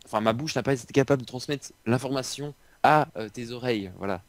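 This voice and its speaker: A man's voice: medium pitch, quick pace, no room sound. Man trading teasing mock-formal quips. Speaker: co-player. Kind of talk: casual game commentary.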